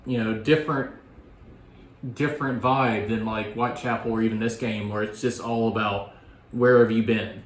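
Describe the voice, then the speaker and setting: A man's voice: on the low side, fairly even intonation, moderate pace. A man chatting informally as a guest board game reviewer, explaining his opinions in a rambling, casual way. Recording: echoey room.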